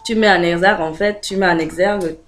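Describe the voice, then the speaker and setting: A woman's voice: lowish voice, fairly even intonation, brisk. A woman with a French accent chatting casually to her viewers, hesitant and full of fillers, laughing often. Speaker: video blogger. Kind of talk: casual direct-to-camera chat.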